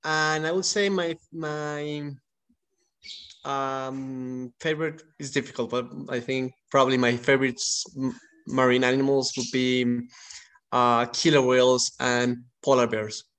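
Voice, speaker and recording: A soft-spoken man from Mexico introduces himself as a biologist on a video call. He speaks hesitantly, with pauses. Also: mid-range voice, steady tone, clean tone.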